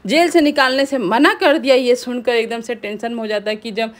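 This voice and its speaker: A woman casually retelling the events of a TV serial episode, stringing scenes together with frequent restarts. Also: on the high side. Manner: fast retelling with restarts and pointing phrases. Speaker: TV serial recap narrator.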